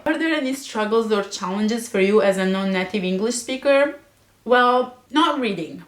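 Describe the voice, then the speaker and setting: A young Italian book vlogger, whose first language is Italian, chats casually to camera in an echoey room. Her mid-range voice sounds chatty and a bit nervous, full of fillers like "like" and quick laughs.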